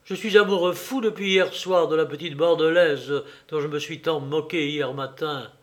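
A man voicing a jovial young gentleman who teases and mocks his friend, in an audiobook reading. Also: fairly high pitch, fairly even intonation, normal speed, lightly acted. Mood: defiant. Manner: mocking, playful.

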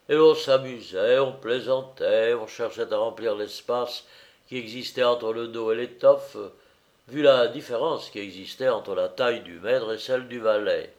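A man reading a story aloud as an audiobook narrator in a measured, steady manner. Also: mid-range voice.

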